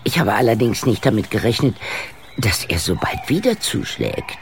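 A man plays a wry, musing detective in an audio crime drama. His pitch varies a lot, with faint noise behind him. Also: very animated, moderate pace. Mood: pensive.

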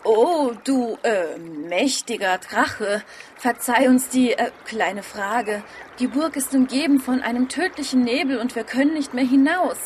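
In a fantasy audio drama, a woman voices a sharp-tongued warrior woman with a fairly high voice, speaking at a measured pace in a lightly acted way. Her tone is sardonic and teasing, full of mock deference, with faint ambient noise behind her.

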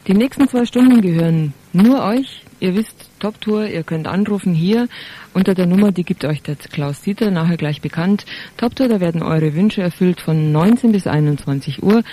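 A woman hosts a live radio show. Her voice is soft-edged, warm and dark in tone. She chats informally and addresses her listeners directly from the studio. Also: fairly low pitch, moderate pace. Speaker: radio host. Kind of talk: casual live radio presenting, signing off.

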